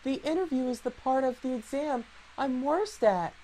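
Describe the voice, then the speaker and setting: A woman's voice: sits high, moderate pace, warm tone, a little hiss or hum, pitched above the performer's own voice, lightly acted, rough recording. A woman voicing an anxious, polite teenage schoolgirl, reading horror game dialogue in an earnest, flustered way. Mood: worried, earnest.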